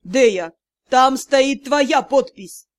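A woman reading an audiobook, voicing a furious male dark-lord magister in a hoarse, menacing voice. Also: lowish voice, moderate pace, dry recording, studio quality, pitched below the performer's own voice, natural voice. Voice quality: hoarse, growling. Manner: threatening, icy, commanding. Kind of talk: audiobook character voice.

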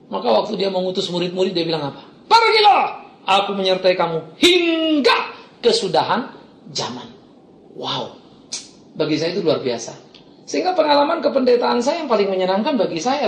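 A middle-aged man preaching a sermon as a pastor, animated, swinging between loud exclamations and quiet asides and laughing often. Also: high voice, a little hiss or hum. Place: church hall. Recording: echoey church hall.

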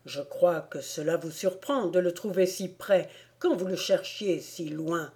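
A stout, good-natured old village policeman, voiced by a woman reader, who speaks slowly and loudly with jovial authority. The pace is unhurried and heavy, and the tone is low and mellow.

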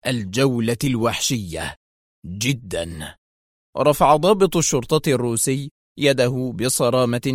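A man narrates a suspense story with dramatic expression. His voice sits at a middle pitch, and the recording is dry and close, with no room echo.

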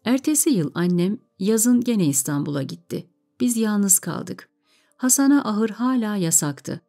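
A woman reading a story aloud in a calm, measured way. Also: mid-range voice.

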